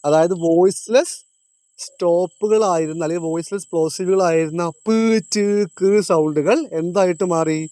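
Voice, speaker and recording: A male teacher, lecturing in a classroom, quizzing his students and repeating each point, slowing down on key terms. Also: high voice, steady tone, mellow, no echo.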